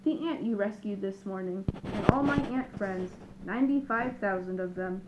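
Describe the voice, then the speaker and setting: A woman's voice: medium pitch, normal speed, very noisy, close to an everyday voice. A woman voicing a tiny, cheerful, helpful ant in a storybook with a wee, small, eager voice.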